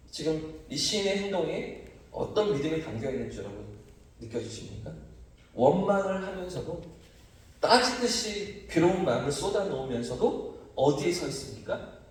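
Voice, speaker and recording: A man preaching as pastor at a dawn prayer service, asking rhetorical questions and rising to emphatic cries. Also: a little high. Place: church sanctuary. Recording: distant mic, heavy church echo.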